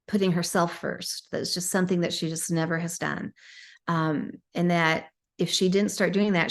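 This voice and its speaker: Low-voiced woman telling a healing story. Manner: chatty, frequent ums and restarts. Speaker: hypnosis practitioner, podcast guest. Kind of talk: casual storytelling.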